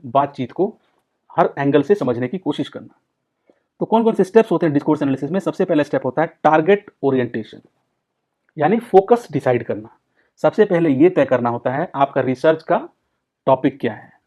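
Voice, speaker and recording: Male tutor, a little high-pitched, patient step-by-step explainer, muffled lo-fi sound. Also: darkish tone. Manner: explains in Hindi mixed with English terms, repeats key points. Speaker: psychology tutor. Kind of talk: exam-prep lecture. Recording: dull, lo-fi sound.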